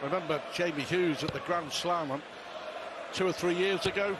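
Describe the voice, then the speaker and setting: Male darts commentator over a very loud crowd. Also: on the high side, normal speed. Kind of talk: live sports commentary, conversational. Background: noisy darts crowd.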